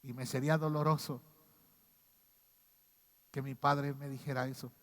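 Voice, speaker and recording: A man preaching a sermon as pastor, acting out quoted voices and swinging between loud outbursts and hushed lines. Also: medium pitch, level tone, measured pace. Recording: long reverb of a hall.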